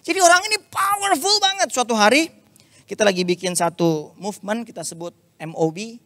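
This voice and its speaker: A man with a notably high voice preaches to a youth service, telling a personal story in a lively, confessional way. He sprinkles English phrases through his talk. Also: no echo. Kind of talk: storytelling sermon.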